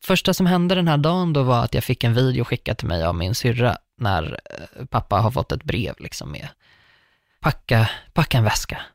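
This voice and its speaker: A man's voice: medium pitch, animated, few pauses, dry recording, studio quality. Rambling young man telling a story. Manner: rambling, filler-heavy, warmly anecdotal. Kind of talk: casual storytelling chat.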